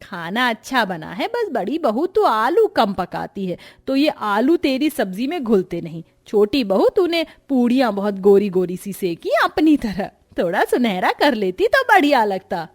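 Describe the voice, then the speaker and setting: Casting: woman as a middle-aged mother-in-law, stern on the surface, kind under it, slightly high voice. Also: very animated, measured pace, hardly any pauses. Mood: brisk. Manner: scolding, teasing. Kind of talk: cartoon story voice acting.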